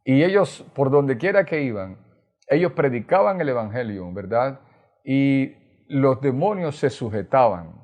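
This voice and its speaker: A Colombian man with a Colombian Caribbean Spanish accent preaches a sermon as pastor, earnestly retelling scripture and using tag questions. His medium-pitched voice is expressive, a little slow and a little mellow.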